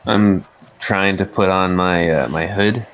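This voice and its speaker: A man's voice: low-pitched, steady tone, slow, fairly bright tone, a little hiss or hum. A man playing a tabletop game, amused as he describes his character fumbling about. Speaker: player. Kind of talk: casual tabletop game chat.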